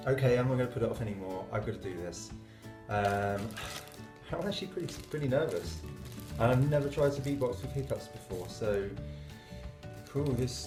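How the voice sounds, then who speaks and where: A young adult man talking casually to camera as a YouTuber, recorded in a small room at arm's length. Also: medium pitch. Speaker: YouTuber doing a challenge. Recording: roomy echo, music behind.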